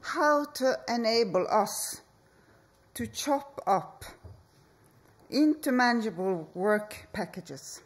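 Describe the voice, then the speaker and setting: Measured, slow-paced woman presenting. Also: a little high, lively intonation. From Norway. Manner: measured, deliberate, with pauses between phrases. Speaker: architect, conference speaker. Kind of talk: conference presentation. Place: conference hall.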